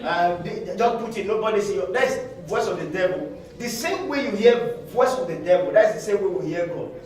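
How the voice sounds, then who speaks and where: A man's voice: high voice, animated, brisk, a little mellow. A man with a Nigerian English accent preaching a sermon as pastor, acting out quotes and laughing. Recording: very echoey hall, distant mic.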